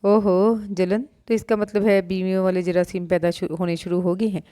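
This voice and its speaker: Woman voicing a young husband, teasing, quick-tempered, low pitch, mellow tone, dry sound. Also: little pitch movement, no echo, natural voice. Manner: playful banter turning to sharp outbursts.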